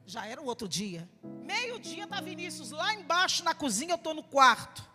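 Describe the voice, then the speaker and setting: A middle-aged woman with a Brazilian accent preaching a fervent sermon with personal testimony, building up to shouts. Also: sits high, big pitch swings, normal speed. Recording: echoey hall with faint music.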